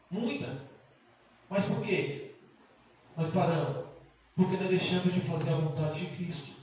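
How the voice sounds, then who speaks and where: A middle-aged Brazilian deacon preaching an impassioned Pentecostal sermon, pleading and breaking into loud bursts. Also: male voice, fairly high pitch, slight background noise. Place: church sanctuary. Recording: very echoey church hall, distant mic.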